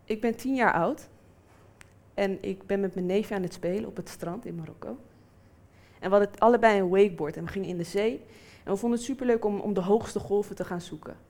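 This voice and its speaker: A woman's voice: mid-range voice, brisk. Young woman telling a personal story. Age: 20s. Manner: lively, acts out quoted voices.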